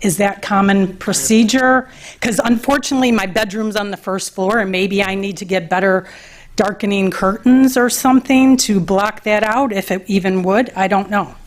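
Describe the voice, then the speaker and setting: A woman's voice: mid-range voice, moderate pace. A woman speaking as a resident at a village board meeting, telling a story at length and asking questions. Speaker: resident speaking at public comment. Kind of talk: public comment at a meeting.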